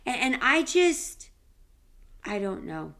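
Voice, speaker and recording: A woman's voice: fairly high pitch, takes it slowly. A woman who is a pastor, chatting emphatically in a casual devotional talk. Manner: animated, emphatic, affirming interjections.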